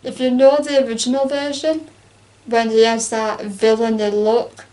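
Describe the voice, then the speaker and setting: Young woman, fairly high voice, chatty, animated film chat. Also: moderate pace. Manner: chatty and animated, acts out quotes with laughs. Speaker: co-host. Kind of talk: casual chat reviewing a film.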